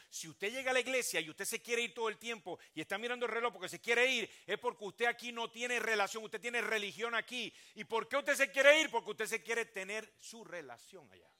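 A man's voice: high-pitched, brisk, hardly any pauses, pushed and bright. An older man preaching a sermon as a pastor, acting out churchgoers in voices as he talks.

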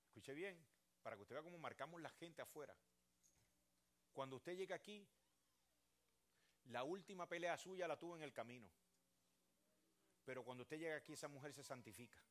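A man's voice: fairly high pitch, animated, moderate pace, long pauses, fairly bright tone. An older man preaching a sermon as a pastor, acting out churchgoers in voices as he talks.

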